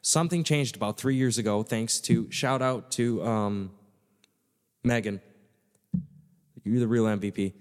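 A man's voice: lowish voice, a little slow, long pauses. A man hosting a casual chat, loose and enthusiastic with some swearing, his voice ringing with a big hall echo. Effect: big echoey hall reverb. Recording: long hall reverb on voice.

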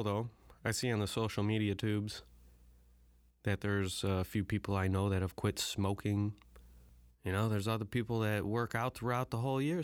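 A man's voice: fairly low pitch, no echo. A man hosting a solo podcast, rambling and joking with lots of swearing. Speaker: podcast host. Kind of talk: casual solo podcast monologue.

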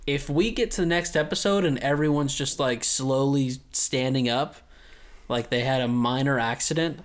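A man with a mid-range voice, talking at normal speed, co-hosts a casual anime recap podcast. He retells scenes with energy and joking asides, animatedly recapping and putting on mock villain voices.

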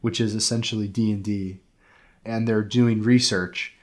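Man, low-pitched, casual podcast chatter, excitable, rambling, lots of fillers. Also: a little slow. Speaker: podcast co-host. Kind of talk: casual game review chat.

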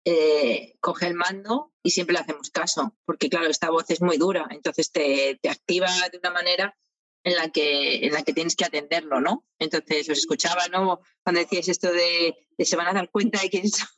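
A woman's voice: fairly low pitch, fairly even intonation, moderate pace, a bit bright, no echo. A woman in a casual conversation, speaking thoughtfully and building on what the others say. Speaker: guest speaker.

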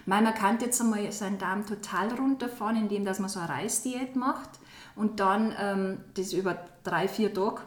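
A woman's voice: mid-range voice, moderate pace. Woman on a podcast, chatty, lots of hesitating, roomy echo. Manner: hesitant, often agreeing and searching for words. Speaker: podcast co-host. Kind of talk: casual chat.

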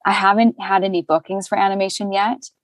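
A young woman, a voice actor, talking casually in an interview, chatty and animated with lots of fillers and laughter. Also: mid-range voice, brisk, dry recording.

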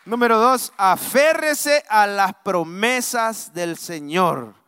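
A man with a Salvadoran accent preaching a live sermon to his congregation, swinging from loud exhortation to soft, low asides. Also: lively intonation, takes it slowly, smooth, dry recording, clean studio sound, a faint crowd. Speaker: pastor. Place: church sanctuary.

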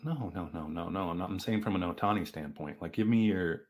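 A man co-hosting a podcast, chatting casually about sports with lively restarts. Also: low-pitched. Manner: animated, fast back-and-forth with restarts. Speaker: podcast co-host.

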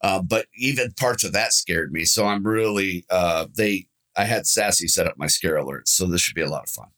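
A man's voice: low voice, moderate pace, fairly bright tone. A man co-hosting a casual gaming podcast, chatting in a laid-back way and calling people "dude" and "man". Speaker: podcast co-host.

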